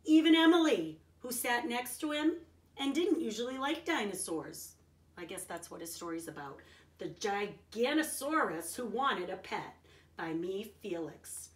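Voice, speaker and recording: Reading a children's picture book at a measured pace, this woman uses a medium-pitched voice with lively intonation. She explains things simply and checks in with the young listeners as she goes, recorded far from the mic with a roomy echo.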